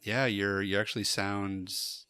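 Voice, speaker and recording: A man's voice: fairly low pitch, little pitch movement, measured pace, sharp tone, smooth, no echo, clean studio sound. A man hosting a podcast in casual chat, curious and full of questions for his co-hosts. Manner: chatty, curious, asks lots of questions. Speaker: podcast host.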